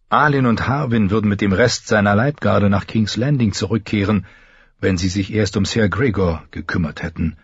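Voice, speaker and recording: A man reading a fantasy novel aloud as an audiobook narrator, measured and somber, on a close mic. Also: on the low side, breathy edge, dry recording, highs cut off.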